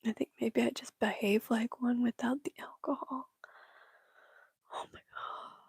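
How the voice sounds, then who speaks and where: A woman's voice: a little high, fairly even intonation, a little slow, creaky, a little mellow, breathy edge, no echo. A woman whispering through a casual Q&A chat, rambling and giggling at herself. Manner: rambling, giggly, self-mocking. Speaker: channel host answering viewer questions.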